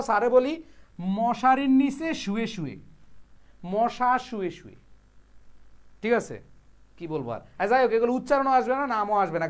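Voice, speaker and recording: A young man with a Bangladeshi accent and a notably high voice, working through a reading passage as a tutor. He reads each English phrase slowly, then breaks it down with casual, teasing asides to his students. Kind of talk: explaining a passage line by line.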